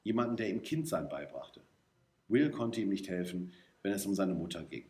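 Lively low-voiced male storyteller. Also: moderate pace. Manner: lively expressive reading. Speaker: narrator. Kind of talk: storybook reading. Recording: roomy echo.

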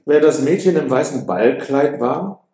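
A man's voice: medium pitch, expressive, measured pace, dark tone, echoey room. A man reading an audiobook voices an eager, impulsive young nobleman who pleads with his friend.

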